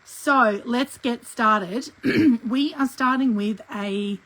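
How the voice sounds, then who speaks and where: A middle-aged woman, a scrapbooking instructor, chats her way through a live tutorial, her voice croaky from a lingering cough and her throat cleared often. She speaks very slowly in a slightly high, fairly bright voice on a rough recording.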